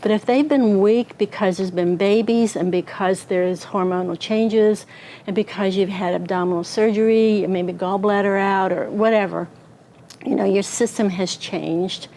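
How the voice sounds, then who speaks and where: A woman's voice: medium pitch, steady tone, a little slow, warm tone, a little hiss or hum. A woman pelvic floor therapist giving a conversational health talk to an audience, explaining an anatomical model and checking in with listeners. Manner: conversational, asks the audience questions.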